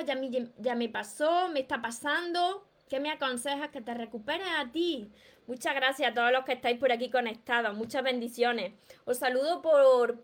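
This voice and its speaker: A self-help author hosting a live stream speaks with a Peninsular Spanish accent and a fairly high pitch. Her advice is emphatic and encouraging, and she welcomes viewers by name.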